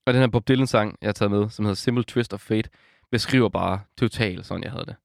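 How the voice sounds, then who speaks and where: A young man co-hosting a podcast, telling a story in a casual, animated way and laughing often. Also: lowish voice, vocal fry, dry recording, clean studio sound. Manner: animated storyteller, acts out quotes, laughs a lot. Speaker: podcast co-host.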